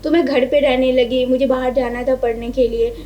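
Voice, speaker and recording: A woman's voice: high voice, steady tone, normal speed, dark tone. A young woman from Bihar, India, speaking as an interview guest. She explains her points one at a time and keeps checking that the listener is following. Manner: earnest, explains step by step, often checks in with "ठीक है?". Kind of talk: conversational interview.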